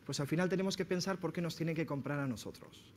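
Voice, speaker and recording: A man from Spain giving a sales seminar to entrepreneurs, lively and quizzing his audience. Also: a little high, fast talker, a little hiss or hum. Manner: lively, questions the audience directly. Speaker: speaker at a business talk. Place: seminar room.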